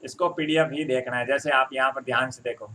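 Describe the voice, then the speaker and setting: A man's voice: medium pitch, steady tone, fast, sharp tone, a little hiss or hum. A man teaching a Hindi grammar lesson, explaining step by step and often checking that his students follow.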